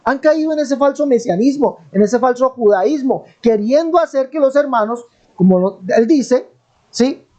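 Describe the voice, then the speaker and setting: A man's voice: very high-pitched, expressive, mellow. A Colombian man with a Colombian accent teaching the Bible in a live online debate, pressing his point and repeating his question insistently. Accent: Colombian Spanish. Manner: preachy, emphatic, drawn-out stresses.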